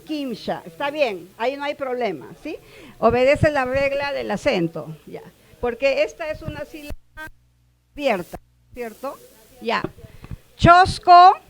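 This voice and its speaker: A woman leads a workshop class in a high voice. She speaks slowly and keeps checking in with the listeners as she repeats words one by one. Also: lively intonation, low-quality recording. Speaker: workshop instructor. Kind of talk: classroom explanation.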